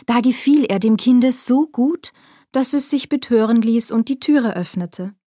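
A woman telling a fairy tale aloud in a measured, expressive storyteller manner. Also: on the high side, no room sound, clean studio sound.

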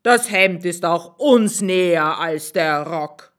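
A woman's voice: fairly low pitch, slow. A woman reading a storybook aloud, voicing a blunt male innkeeper who speaks curtly.

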